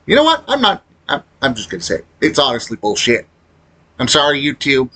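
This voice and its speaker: A gaming YouTuber-type man rattles off unscripted takes, halting often and complaining without softening anything. His pitch is mid-range but swoops wildly, and his tone cuts sharply.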